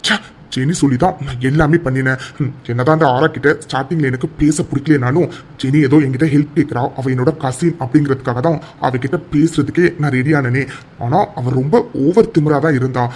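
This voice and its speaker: A man's voice: mid-range voice, a little fast, a little mellow, a little hiss or hum, natural voice. A man voicing a two-faced young man student in a cartoon serial, boastful and scheming, then falsely pleading. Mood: smug scheming.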